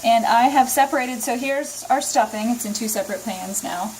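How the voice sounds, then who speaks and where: A woman's voice: on the high side, moderate pace, darkish tone, rough recording. A woman giving a casual, chatty cooking demonstration, explaining each step as she goes. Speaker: home cook demonstrating a recipe. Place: home kitchen. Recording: sizzling pan noise behind the voice. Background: frying and stirring sounds.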